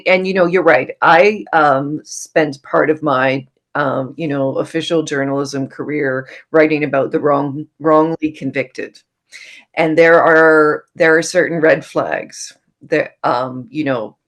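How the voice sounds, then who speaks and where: A middle-aged woman from Canada, a guest author and former journalist, talking earnestly in a casual podcast conversation with many ums. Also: low voice.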